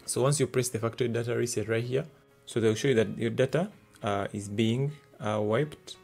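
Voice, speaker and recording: Man, tech tutorial host, mid-pitched voice, instructive, filler-heavy, faint background music. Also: normal speed, gravelly, a little mellow. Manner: plain instructive, many "uh" fillers and "go ahead". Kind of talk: step-by-step tutorial narration. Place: desk indoors, hands-only camera.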